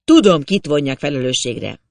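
A man reading an arrogant young gentleman who speaks loudly and forcefully in an audiobook. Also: on the high side, sing-song, vocal fry, dry recording. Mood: angry. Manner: loud, commanding.

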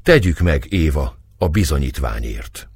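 A man's voice: very deep voice, expressive, vocal fry, darkish tone, breathy edge, no echo, heavily acted. A man voicing an earnest, fond young nobleman who has just married, in a dry audiobook recording.

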